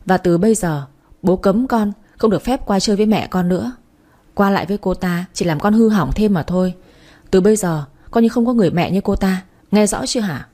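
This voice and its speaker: A woman's voice: mid-range voice, expressive, fast, slightly rough. A woman reading as a harsh, domineering father. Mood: angry. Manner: shouting, overbearing.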